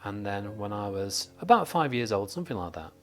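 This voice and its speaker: A man's voice: fairly low pitch, sing-song, fairly quick. A man from northern England giving a live watercolour tutorial, chatting and joking as he thinks aloud while painting at a desk under studio lights.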